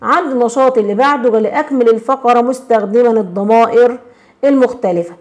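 Woman, Egyptian accent, teacher, fairly high voice, quizzing prompts, stressed examples. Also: darkish tone. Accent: Egyptian Arabic. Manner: checks in constantly and prompts with questions; slows and stresses words when reading examples. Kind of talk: explaining a grammar lesson.

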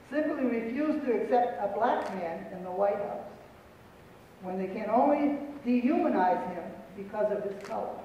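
A man's voice: extremely high pitch, warm tone, slight background noise. Solemn older man in an echoing hall. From Pequot territory, New England. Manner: solemn, deliberate, repeats phrases for emphasis. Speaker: panel speaker. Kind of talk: prepared speech at a panel. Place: auditorium stage, large indoor hall. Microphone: far room mic. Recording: echoey hall from far off, dull.

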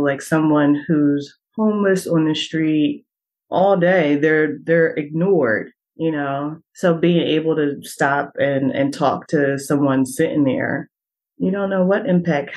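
A woman who works as a coach, a guest on a podcast, speaking in a reflective, halting way with restarts. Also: low-pitched, a little mellow, low-quality recording. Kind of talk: casual podcast conversation.

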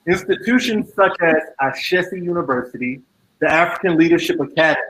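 A man's voice: fairly high pitch, a bit bright, slight background noise, low-quality recording. A man moderating an online panel over a video call, reading formal prepared remarks.

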